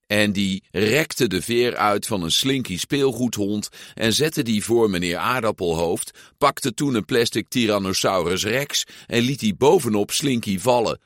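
A man narrating a children's storybook aloud in an expressive, lively way. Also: lowish voice, a little slow, no echo, clean studio sound. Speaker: audiobook reader.

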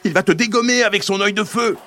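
A man's voice: a little high, big pitch swings, moderate pace, soft background music. A man doing a worried young boy. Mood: urgent. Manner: urgent, worried. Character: anxious young boy, the sensible friend.

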